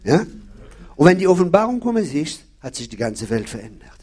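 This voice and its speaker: This sermon comes from a preacher whose voice is on the high side, sing-song, a little fast, darkish and slightly rough. He emphatically repeats key phrases and asks the audience questions.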